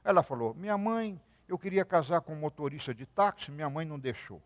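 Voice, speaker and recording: Animated Brazilian man preaching in a hall. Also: a little high, brisk. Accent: Brazilian Portuguese. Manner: animated, talks to the congregation with questions and sudden loud outbursts. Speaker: rabbi. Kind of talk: sermon. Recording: hall reverb.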